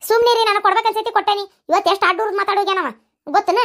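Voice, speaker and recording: A woman's voice: very high-pitched, fairly even intonation, a bit bright. A woman voicing a nagging middle-aged village wife in a cartoon, with a North Karnataka Kannada accent. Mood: angry, defensive. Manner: nagging, scolding rapid-fire. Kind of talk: cartoon comedy voice acting.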